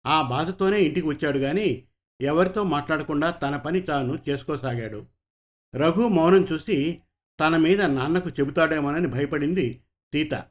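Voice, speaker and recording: Man, story reader, measured narration, slightly high voice.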